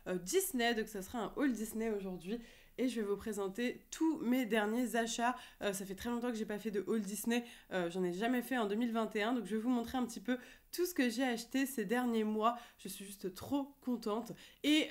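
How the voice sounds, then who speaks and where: A young woman chatting enthusiastically in a casual vlog in her apartment, with frequent fillers. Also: a little high. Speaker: YouTuber. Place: her new apartment, indoors.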